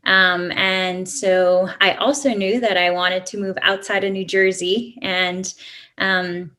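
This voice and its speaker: A woman from Colombia, a guest in an interview, answering casually and warmly with frequent ums. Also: medium pitch, little pitch movement, slow. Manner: friendly, chatty, many "um"s.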